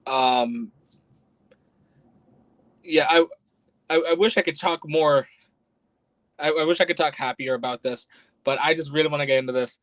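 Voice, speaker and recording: A man's voice: mid-range voice, a bit bright, no room sound, low-quality recording. A man hosting a casual solo podcast review, talking bluntly and with exasperation, and a little out of breath. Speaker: podcast host.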